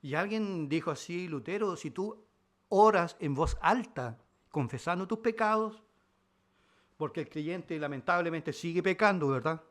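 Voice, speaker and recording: A man with a Chilean Spanish accent preaching a sermon as pastor, swinging between loud declarations and quiet asides. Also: fairly high pitch, lively intonation, measured pace.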